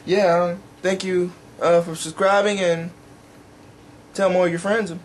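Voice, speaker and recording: A man's voice: high voice, little pitch movement, measured pace, a little hiss or hum. A young man rambling casually in a vlog, talking while eating and swearing offhandedly. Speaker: YouTuber.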